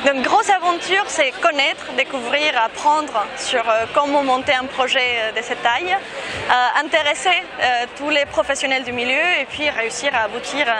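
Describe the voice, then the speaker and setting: High-voiced woman on a busy street. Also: moderate pace. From Mexico. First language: Spanish. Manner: hesitant, many fillers and restarts. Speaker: festival director. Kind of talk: casual interview. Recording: outdoor street noise and crowd chatter.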